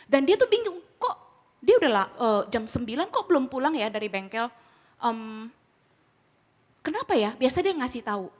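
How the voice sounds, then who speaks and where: A middle-aged woman giving a casual teaching talk on grief care, acting out quoted exchanges in lively, slangy speech. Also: a little high, moderate pace, long pauses. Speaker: speaker at a church grief ministry training.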